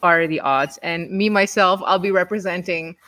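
A woman's voice: on the low side, moderate pace, fairly bright tone. A woman hosting a podcast in casual, informal and blunt English. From Czech Republic. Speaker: podcast host.

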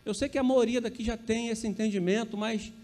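With a high-pitched, slightly mellow voice and fairly even intonation, a Brazilian pastor preaches briskly. He keeps things chatty, frequently checking in with the congregation through tag questions and making joking asides as he corrects his slips.

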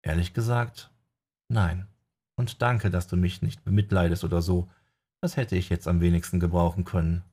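A man reading a weary male magician, low and husky. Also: steady tone, moderate pace, warm tone. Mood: subdued.

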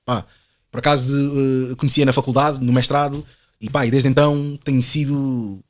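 A man's voice: medium pitch, steady tone, normal speed. A man in his twenties with a European Portuguese accent, a podcast guest chatting casually in slangy, rambling talk full of fillers and tag questions. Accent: European Portuguese, Lisbon slang. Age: 20s.

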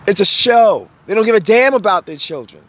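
A man's voice: high voice, animated, a little fast, a bit bright. A man hosting a podcast, delivering a fiery, blunt and profane monologue, hammering his points home by repeating them. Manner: emphatic, repeats points for force. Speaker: podcast host. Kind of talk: impassioned monologue.

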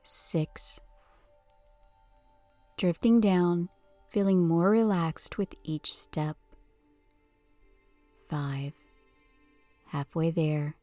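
Slow, soothing woman counting down in hypnosis. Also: lowish voice, fairly even intonation, dark tone, dry recording, soft background music. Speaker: hypnosis podcast host. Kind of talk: guided hypnosis session.

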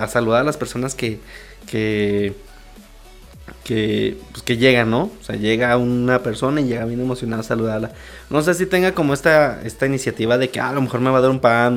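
A man with a Mexican accent in a casual comedic monologue, crude and rambling, swearing constantly, jumping between topics and laughing at his own jokes. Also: mid-range voice.

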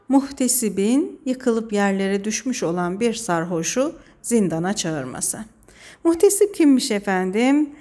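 A woman presenting a religious lesson on a classic poem, explaining in a measured, earnest way from a script. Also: a little high, a little mellow.

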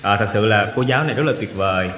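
A man's voice: fairly low pitch, fast talker, a bit bright. Chatty man in an echoey hall. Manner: earnest, chatty, corrects his own word choice. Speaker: singer guest. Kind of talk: casual chat. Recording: roomy with long hall reverb.

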